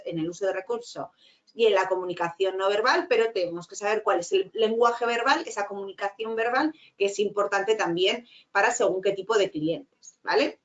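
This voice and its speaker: Middle-aged woman lecturer, rapid but clearly articulated, slightly dull lo-fi class recording. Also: medium pitch. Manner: fast-talking with frequent "¿vale?" tags. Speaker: teacher. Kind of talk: online lecture.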